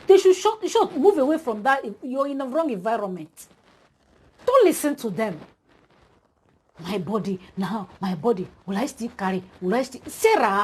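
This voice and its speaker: A woman's voice: on the high side, darkish tone, slightly rough. A woman preaching an exhortation, speaking straight to her listeners with emphatic repetition.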